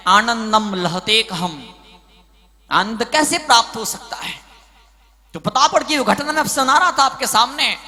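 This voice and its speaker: A man preaching a sermon as a monk, telling stories with big swings between loud and hushed. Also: very high voice. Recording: hall reverb.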